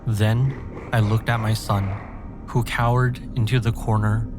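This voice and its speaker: A man reading a scripted scary story in a measured, dramatic first-person manner. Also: on the low side, little pitch movement. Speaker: horror story narrator. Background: background music.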